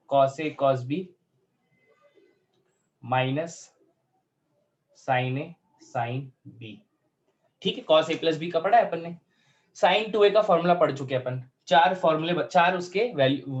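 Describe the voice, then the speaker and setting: A man teaching a math lesson in Hindi with English terms, working through steps aloud and slowing down to dictate formulas. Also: fairly high pitch, lo-fi sound. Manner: talks through steps aloud, checks in with students often; slows right down to dictate formulas.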